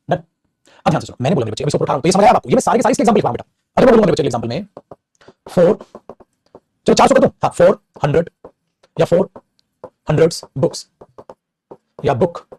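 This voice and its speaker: A man's voice: sits high, a little mellow, breathy edge, no echo, studio quality. A man teaching English grammar in a live online class, scolding and motivating his students by turns.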